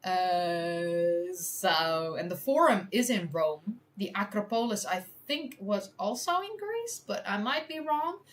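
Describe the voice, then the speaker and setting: Slow, lively Dutch woman streamer. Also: mid-range voice. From Netherlands. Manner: thinks aloud, chatty and self-deprecating, laughs often. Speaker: streamer doing a history quiz. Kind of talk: casual live-stream chat.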